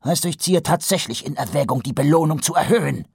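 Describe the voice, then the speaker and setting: A man voicing a brusque, clipped male city ruler, in a raised, high voice. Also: quick pace, creaky, darkish tone, husky, no echo, studio quality, exaggerated voice. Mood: indignant. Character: Lord Vetinari, brusque middle-aged male city ruler.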